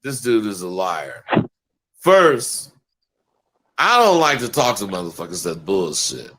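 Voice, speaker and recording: A man runs a live call-in show in a blunt, profane manner and keeps cutting his caller off. His pitch swings widely as he talks. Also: big pitch swings, unhurried, fairly bright tone, a little hiss or hum.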